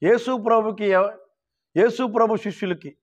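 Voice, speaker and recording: High-voiced male pastor preaching. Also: steady tone, muffled recording. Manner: calls for loud hallelujahs, rising to shouts; drawn-out quoting of scripture verses. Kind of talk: sermon.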